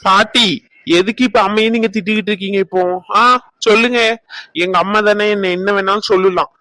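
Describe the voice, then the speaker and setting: A man voicing Raghu, a caring young man in a cartoon, firm but gentle and reassuring. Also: high-pitched, steady tone, a little fast, no room sound. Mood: protective. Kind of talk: cartoon voice acting.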